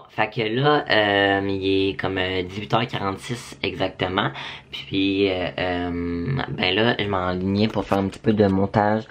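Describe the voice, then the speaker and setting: A young man with a Quebec French accent talks casually to his camera at home, hesitating often and filling pauses. His voice sits fairly low. A faint hiss lies under the recording. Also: a bit bright. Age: young adult. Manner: chatty, full of fillers and hesitations. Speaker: vlogger. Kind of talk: casual vlog chat. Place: at home, indoors.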